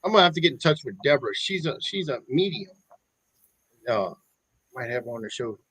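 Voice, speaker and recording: A man of middle pitch hosts the show in an easy, matter-of-fact way and holds his ground when the others disagree. His voice sits close and dry on the mic. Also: very animated, brisk, fairly bright tone, breathy edge, no echo, low-quality recording. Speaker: podcast host. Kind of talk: casual show wrap-up chat.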